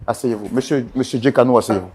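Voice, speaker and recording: A man mediating a couple's dispute, insistently repeating calls to calm down and sit. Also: mid-range voice, quick pace. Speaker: mediator host.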